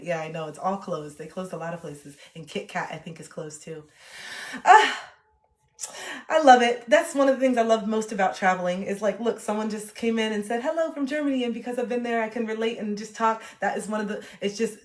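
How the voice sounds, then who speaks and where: A woman in her late thirties, a livestreamer chatting casually and animatedly with her viewers. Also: mid-range voice. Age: 30s. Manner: chatty, animated, reacts to chat. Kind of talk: casual chat to a live chat. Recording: echoey room.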